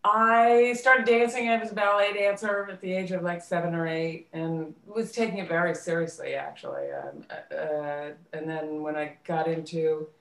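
An American theater actress and director, raised in the Washington DC suburbs before moving to California, reflects on her life story as a guest in a casual interview, often correcting herself. Her fairly low, fairly bright voice is flat in delivery, moderately paced, with hardly any pauses. The recording sounds roomy and echoey.

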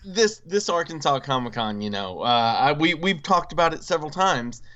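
Man, smooth voice, dull sound. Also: a little high, lively intonation, a bit bright. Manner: enthusiastic, halting with restarts. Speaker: podcast co-host. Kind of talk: casual chat.

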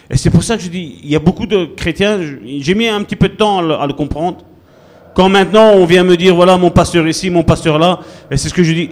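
A man preaching a sermon as pastor, swinging between loud bursts and low, quiet lines.

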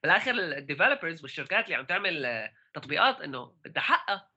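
Casual podcast co-host, male, Levantine Arabic accent, very sharp bright tone, halting delivery peppered with English. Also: a little high, very animated, highs cut off. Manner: halting, mixes English tech words into Arabic. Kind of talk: casual tech discussion.

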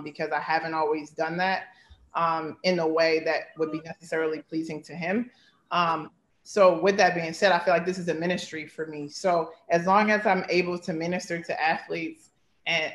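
A basketball head coach in her thirties, appearing as a guest, gives earnest, heartfelt interview answers sprinkled with "like" and "you know." Her voice sits low and sounds reverberant.

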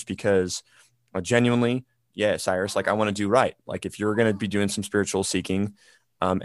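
A man co-hosting a podcast, talking in an animated, rambling way with lots of fillers. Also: fairly low pitch, no echo, clean studio sound. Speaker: podcast co-host. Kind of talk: casual podcast conversation.

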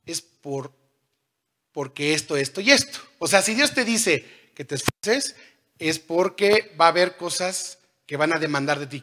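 Bright, high-pitched man preaching. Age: 30s. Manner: dramatic swings between loud calls and hushed lines; asks the congregation questions. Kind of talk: sermon.

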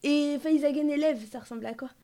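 A woman hosting a public radio interview, asking informal, exploratory questions with halting phrasing. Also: sits high, dark tone.

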